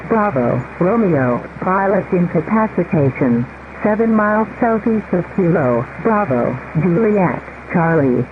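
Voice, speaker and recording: A synthetic automated voice reads scripted emergency announcements over aircraft radio, one word at a time. The pitch is middling, and the signal is thin and narrow with faint static behind it.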